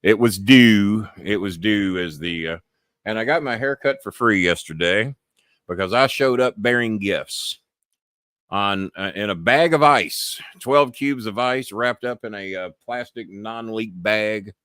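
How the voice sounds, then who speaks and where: A man's voice: lowish voice, unhurried, a bit bright, smooth, dry recording, studio quality. A middle-aged American man hosting a live-stream show, rambling bluntly and cursing freely in a casual monologue. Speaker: podcast host.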